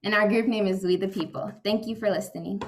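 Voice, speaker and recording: A teenage female student presenter delivering a rehearsed startup pitch at a competition. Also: steady tone, quick pace.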